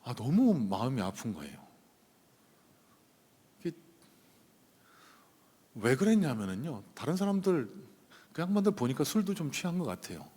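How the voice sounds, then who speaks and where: A man's voice: mid-range voice, big pitch swings, moderate pace, pauses often, mellow, breathy edge. A male pastor telling a personal story in a sermon, conversational and full of hesitant fillers, speaking from the pulpit of a church sanctuary. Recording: long reverb of a church hall.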